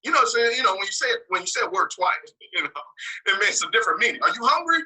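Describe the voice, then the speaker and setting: A man preaches a morning message with a husky, breathy grain to his voice and a sharp, forceful push behind every line. He leans hard on repetition and slips in joking asides, and he was born in the US and raised partly in Nigeria. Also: high-pitched, sing-song, quick pace, rough recording. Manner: emphatic, repeats key words, joking asides. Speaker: speaker giving a morning message. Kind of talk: preaching to a congregation.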